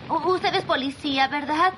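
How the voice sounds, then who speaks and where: A woman voicing a young boy in a dubbed cartoon, speaking in a dramatic, expressive way. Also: high voice, normal speed, slight background noise. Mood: desperate, pleading. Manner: dramatic, pleading. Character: mischievous, exploited young boy pleading for help in cartoon. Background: music.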